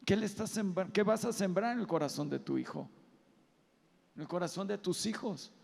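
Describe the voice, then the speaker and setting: A man's voice: high voice, normal speed, creaky, a little mellow. A man pastor preaching earnestly, putting direct questions to the parents in the audience. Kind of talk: sermon. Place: large auditorium. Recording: live hall reverb.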